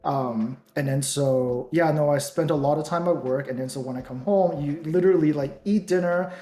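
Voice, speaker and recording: Co-hosting a laid-back podcast, a young man from Taiwan talks at a moderate pace in a slightly high voice. He rambles in a relaxed way with lots of ums and likes. The room sounds spacious, and soft music plays in the background.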